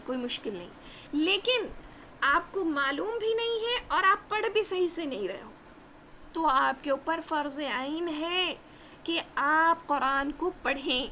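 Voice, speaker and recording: Earnest woman teacher, high voice, repeats and slows for emphasis, slight hiss under the recording. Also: sharp tone. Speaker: Quran recitation teacher. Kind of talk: religious lesson.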